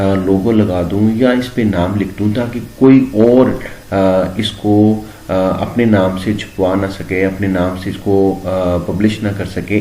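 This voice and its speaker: A man explaining a word processor step by step in a screen-recorded tutorial, pausing often with filler sounds. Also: lowish voice, slight background noise. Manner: steady explaining with frequent filler pauses. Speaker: computer teacher.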